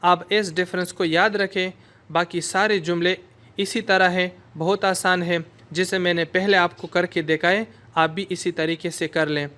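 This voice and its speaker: A man from Pakistan, teaching a recorded language lesson and repeating each word slowly for students to echo. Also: high voice, steady tone, pushed and bright. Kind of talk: recorded lesson, slow drilled pronunciation.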